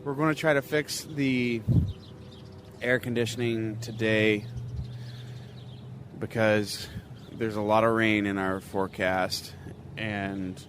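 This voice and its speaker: Slow-talking man keeping a travel diary. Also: fairly low pitch, fairly even intonation, a bit bright. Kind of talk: casual audio diary. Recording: faintly noisy outdoor field recording.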